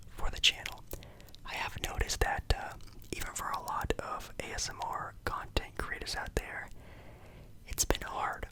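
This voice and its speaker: A man hosting in a whispered ASMR style, very close, as if right in the listener's ear. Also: poor audio. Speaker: ASMR video host.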